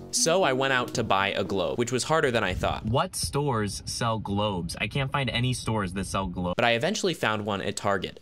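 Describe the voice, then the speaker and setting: A man's voice: lowish voice, a bit bright. A young man narrating his own electronics build in a casual vlog, explaining steps with an upbeat, jokey manner. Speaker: maker vlogger. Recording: music playing behind. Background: background music.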